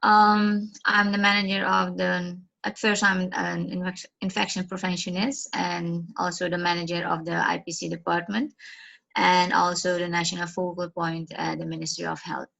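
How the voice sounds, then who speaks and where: Woman from Suriname, gravelly and flat, bright edge, muffled lo-fi line. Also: on the low side, moderate pace. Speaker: infection preventionist. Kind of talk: self-introduction. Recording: muffled lo-fi call audio.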